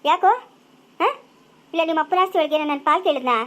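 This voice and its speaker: A woman's voice: sits high, fast, fairly bright tone. A woman playing a quarrelsome village woman who fights for her rights in a family drama, speaking with a rural Chikkaballapura Kannada accent and a scolding manner. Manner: scolding, fierce and indignant.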